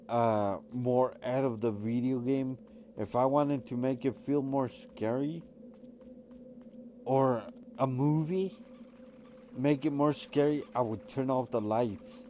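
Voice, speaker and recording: A man's voice: mid-range voice, slow, mellow, slight background noise. A man casually telling rambling personal stories while commenting over gameplay, with lots of fillers and restarts. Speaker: gaming channel host.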